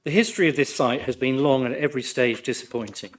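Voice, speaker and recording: A man, his voice croaky from flu, reading a formal, measured and critical speech as a councillor. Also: medium pitch. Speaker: ward councillor addressing a planning committee. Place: council meeting room.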